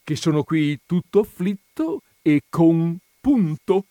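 Guy doing a chirpy pun-loving gent, jolly and lively, voice bouncing up high. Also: takes it slowly, dry recording, studio quality. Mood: jovial. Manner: jovial, cheerfully pleased with own puns. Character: jovial punning male gentleman.

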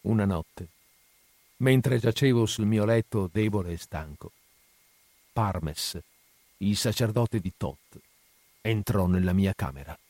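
A man's voice: fairly low pitch, takes it slowly, long pauses, darkish tone, no room sound. Man reading a grim tale, dry. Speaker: narrator. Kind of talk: first-person audiobook narration.

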